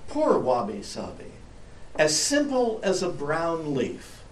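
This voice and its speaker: A man's voice: on the high side, huge pitch swings, takes it slowly, a little hiss or hum, full character voice. A man voicing a clever but mean male dog who speaks curtly and scornfully, in a storybook read aloud. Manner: curt and snippy. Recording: echoey church from far off.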